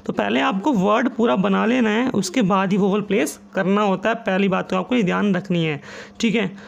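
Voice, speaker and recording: A young man teaches shorthand in a casual online lesson, his voice sitting high. He explains each step slowly and repeats points, reading rules aloud haltingly. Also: creaky, lo-fi sound.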